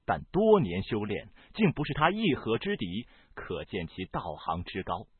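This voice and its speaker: Man, audiobook narrator, husky voice, lively expressive storytelling, tinny phone-like sound. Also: fairly low pitch, no echo. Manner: expressive, varied storytelling delivery. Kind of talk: dramatic novel reading.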